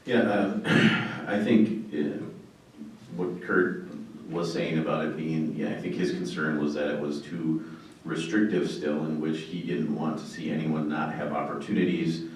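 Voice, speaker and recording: A man with an American accent speaking as a board member in a meeting, in a hesitant, measured way. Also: rumbling low, steady tone. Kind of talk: meeting discussion. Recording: echoey room, far mic, faint noise.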